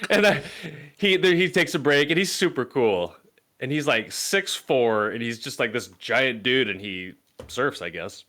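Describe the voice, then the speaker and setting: Excitable man in his thirties. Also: medium pitch, a little slow. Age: 30s. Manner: excitable, laughing storyteller. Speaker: podcast co-host. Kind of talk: casual chat.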